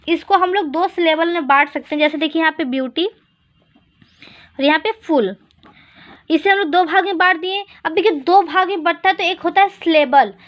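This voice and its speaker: A woman teaching English grammar in Hindi. She asks her own questions and answers them, and reads the English examples out slowly. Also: sits high. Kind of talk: Hindi-medium grammar lesson. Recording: dull lo-fi recording.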